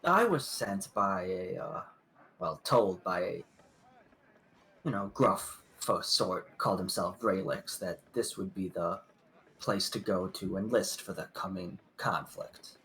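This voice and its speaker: A man's voice: low-pitched, slow pace, sharp tone, low-quality recording. A man talking casually as a player in a tabletop game, hesitating and restarting. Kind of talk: tabletop role-play.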